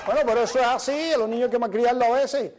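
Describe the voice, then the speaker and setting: A man's voice: very high-pitched, steady tone, fast. A middle-aged man delivers a stand-up monologue as a TV show host. He tells jokes like a storyteller who builds to punchlines. The studio sound is noisy. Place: television studio.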